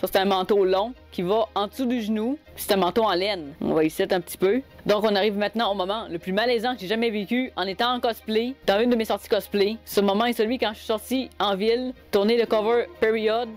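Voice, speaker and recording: A woman's voice: medium pitch, fairly even intonation, faint music behind. A young woman with a Québécois French accent, telling cosplay stories to camera in a chatty, exasperated way. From Quebec. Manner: chatty, exasperated, quick asides. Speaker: cosplay vlogger. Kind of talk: casual storytelling to camera.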